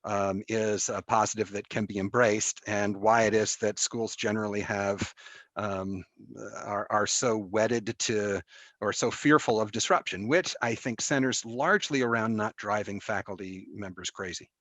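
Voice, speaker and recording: A man with a fairly low voice and a dry, close sound hosts an informal group session. He talks conversationally and haltingly, often searching for the next word as he presents. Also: fairly even intonation, a bit bright, no room sound.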